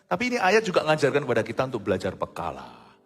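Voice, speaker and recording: A man preaching as a pastor, animated and acting out the voices of others, with English phrases mixed in. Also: medium pitch, very fast, breathy edge. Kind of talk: sermon. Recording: long hall reverb, faint music.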